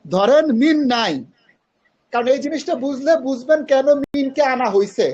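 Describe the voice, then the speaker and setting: Male grammar teacher, high pitched, patient and questioning, muffled online-class sound. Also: moderate pace, darkish tone. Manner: patient, questioning students, mixes English terms.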